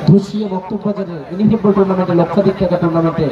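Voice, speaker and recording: High-pitched, emphatic male football announcer. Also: steady tone, rapid-fire. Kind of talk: tournament announcements and commentary. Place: outdoor football ground with crowd. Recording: muffled echoey distant PA, crowd noise.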